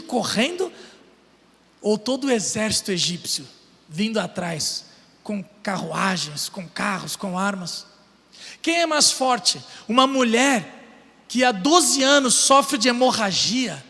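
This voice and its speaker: A Brazilian man preaches with fervor, piling up rhetorical questions and repeated lines. His voice sits very high and rings bright. Long reverb from the church hall trails behind him. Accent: Brazilian Portuguese. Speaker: pastor. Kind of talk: sermon. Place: church sanctuary.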